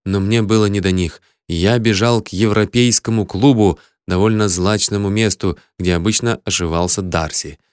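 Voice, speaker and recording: A man's voice: on the low side, steady tone, normal speed, hardly any pauses, clear, resonant tone, no room sound. A man narrating an adventure audiobook in the first person, telling it vividly from a close studio mic. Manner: vivid, shouts the hero's angry lines.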